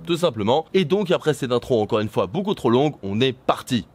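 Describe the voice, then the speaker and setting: A man's voice: medium pitch, big pitch swings, brisk. A young man giving a casual guitar lesson outdoors while on holiday, chatty and self-mocking, with rambling asides. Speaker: YouTuber teaching guitar. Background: guitar playing.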